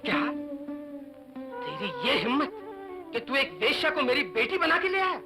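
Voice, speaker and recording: A proud father shouts indignantly in a high, wildly swooping voice over loud film music. He is emotional and theatrical, in 1970s Hindi cinema fashion. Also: very animated, moderate pace. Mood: angry. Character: proud angry father, a lawyer. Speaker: lawyer and father. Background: film score music.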